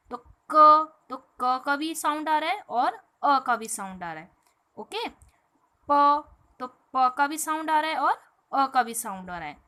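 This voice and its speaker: A woman teaching a primary school lesson, explaining slowly, drawing out letter sounds and asking questions she answers herself. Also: high voice, bright, forceful tone. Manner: explains slowly, often asks and answers her own questions; addresses pupils as "beta". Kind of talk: recorded online class lesson.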